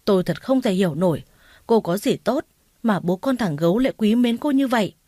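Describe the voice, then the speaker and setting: A domineering older woman from a storybook, harsh, contemptuous and quick to scold, read by a female narrator. The voice is mid-pitched and recorded close and dry. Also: animated, no room sound, lightly acted. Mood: scornful. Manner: scolding, contemptuous, shouting orders.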